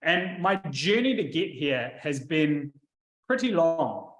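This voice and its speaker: A man speaks casually to camera as a marketing coach, his voice sitting a little high. He tells his stories with lively, animated asides. The sound is roomy, with a clear echo around him. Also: slow. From New Zealand. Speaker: marketing coach and video host.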